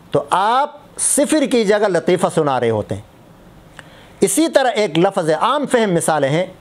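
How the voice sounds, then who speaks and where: With a high voice, a man who is a mufti leads a lesson on reciting prayer, repeating sample words so their contrast is clear and explaining everything patiently.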